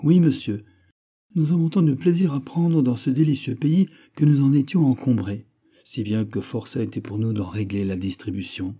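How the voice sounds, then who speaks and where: A fat elderly servant, fussy and sentimental, pours out plaintive exclamations, as a man reading a novel aloud puts him on. The voice sits higher than the reader's own, yet stays dark and husky. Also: moderate pace, close to an everyday voice. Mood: eager.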